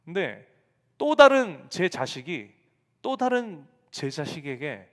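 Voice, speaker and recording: A man's voice: on the high side, sing-song, slow pace. A male pastor in his forties preaching a sermon to young adults, telling a family story and acting out the lines he quotes. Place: church sanctuary. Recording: reverberant church hall.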